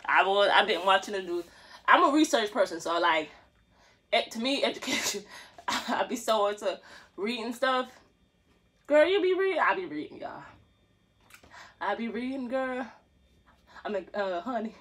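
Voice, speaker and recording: A dance vlogger in her 20s stretches in a small room, chatting and joking to a phone camera propped on the floor, with plenty of laughs and slang. Her medium-pitched, fairly bright voice has lively intonation, a moderate pace, and long pauses.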